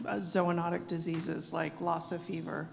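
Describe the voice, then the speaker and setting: This South Dakota executive director, a middle-aged woman, fields questions earnestly at a live evening event, filling gaps with frequent ums. Her lowish voice is flat, at a normal speed, with vocal fry, and the event hall recording carries long reverb plus a little hiss or hum.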